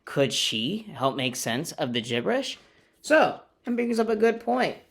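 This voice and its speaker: A man's voice: fairly high pitch, big pitch swings, a little slow, gravelly. A man, a teacher, reading a picture book aloud to children in a friendly, explaining way. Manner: friendly, explains to kids, playful sound effects.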